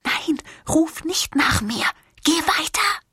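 A woman voicing a young noblewoman who speaks in a hushed, tense way and slips into whispers. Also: fairly low pitch, big pitch swings, normal speed, husky, no echo, clean studio sound, full character voice. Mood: desperate. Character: anxious young noblewoman hiding a secret.

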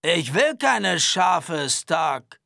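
A man voicing a gruff, grey-haired, aggressive cattle baron in a Western audiobook, curt and menacing. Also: fairly high pitch, very animated, drawn-out words, sharp tone, no room sound, clean studio sound, exaggerated voice.

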